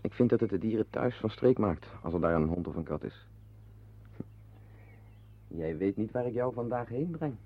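An actor in a Dutch radio play portrays a wry, brooding, henpecked husband and animal-loving former artist who confides his musings to the listener in a coaxing mood. His voice sits on the low side, expressive and moderately paced with frequent pauses, heard through a muffled, band-limited old recording.

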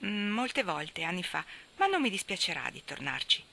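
A restless, easygoing young traveler from an audiobook novel chats in relaxed, unhurried replies, as a woman reads his lines. The tone stays bright and sharp. It is not pitched far from the reader's own. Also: creaky, a little hiss or hum, exaggerated voice.

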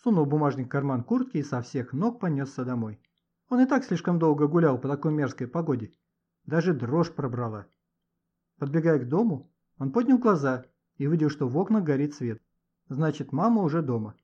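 A man narrating a children's story in an expressive, scripted reading. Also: fairly high pitch, a little fast, husky. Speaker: audiobook narrator. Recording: dull lo-fi recording.

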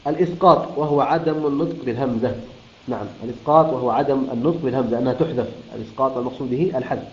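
A man's voice: mid-range voice, rapid-fire, a little hiss or hum. A man teaching Quran recitation rules, explaining step by step, repeating terms and answering his own questions. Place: room of a Quran school. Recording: roomy, dull lo-fi room recording.

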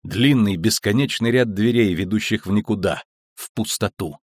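Low-voiced man reading an audiobook. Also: normal speed, dry recording, clean studio sound. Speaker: audiobook narrator. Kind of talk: scripted narration.

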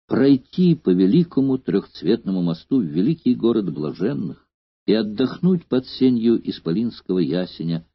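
A man's voice: on the low side, breathy edge, dry recording. A man voicing a huge, hot-tempered Germanic warrior who begs his beloved's forgiveness, in an audiobook reading. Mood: devout. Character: remorseful giant Germanic warrior, hot-tempered but loving. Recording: dull lo-fi dry recording.

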